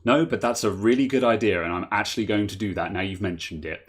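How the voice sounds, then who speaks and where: A man's voice: lowish voice, fast talker, slightly rough. A man co-hosting a casual tech chat, rambling, restarting sentences and laughing often. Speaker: podcast co-host.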